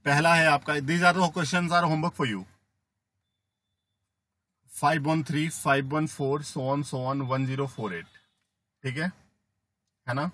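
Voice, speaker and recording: A man teaching math in a classroom lecture, often asking "है ना?" to check understanding and gently teasing students. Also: fairly high pitch, fairly even intonation, slow, long pauses. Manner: coaxing, asks "है ना?" and "ठीक है?" after each step; playful teasing of students, calls them बेटा. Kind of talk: classroom lecture mixing Hindi and English.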